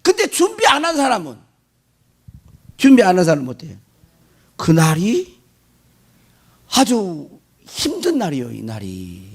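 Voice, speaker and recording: A male pastor delivering an animated sermon, firing rhetorical questions at the congregation and mimicking worshippers' prayers. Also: sits high, a little slow, pauses often, slightly rough.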